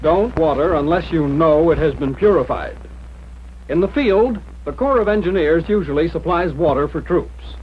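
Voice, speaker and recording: A little hiss or hum accompanies this slightly high-pitched American narrator of a 1940s military instructional film. Reading from a script at normal speed with lively intonation, he sounds plain, direct and instructive, though the soundtrack is muffled and dull.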